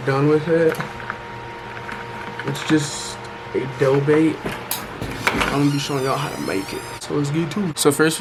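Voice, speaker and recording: Higher-voiced American man, noisy vlog recording. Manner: informal, colloquial, addresses viewers as "y'all" and "guys". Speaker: vlogger giving a fishing bait tutorial. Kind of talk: casual how-to vlog chat. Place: hot room at home with a fan running. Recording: noisy home recording with fan hum. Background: fan noise.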